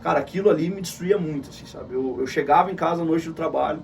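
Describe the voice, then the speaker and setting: A middle-aged man with a southern Brazilian Gaúcho accent, telling an emotional personal story as an interview guest in an animated way. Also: fairly high pitch, quick pace, vocal fry, far from the mic, a little hiss or hum. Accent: Gaúcho Brazilian Portuguese. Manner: animated, calls the listener "cara" often.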